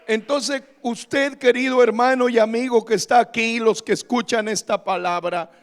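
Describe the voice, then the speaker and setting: A man with a high-sitting voice preaches as a pastor in a large, reverberant church hall before a congregation. His Bible-study sermon is impassioned and emphatic, full of exhortation and repeated questions to the listeners.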